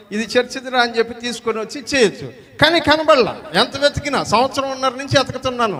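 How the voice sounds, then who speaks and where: Pastor guy preaching, really high voice, long echo off the church hall, keeps asking the crowd stuff. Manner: asks the congregation questions and urges loud replies; slows down to stress key words. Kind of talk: sermon.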